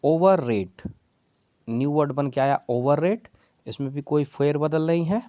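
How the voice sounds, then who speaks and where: A man's voice: a little high, measured pace, mellow, smooth, no room sound. A man teaching spelling rules patiently, step by step, calling his viewers friends. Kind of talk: explaining a lesson in Hindi.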